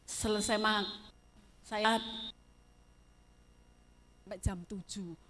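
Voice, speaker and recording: A woman's voice: mid-range voice, fairly even intonation, very slow, a bit bright. An older woman giving a sermon testimony, moving from fervent preaching into chatty storytelling. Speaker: church minister.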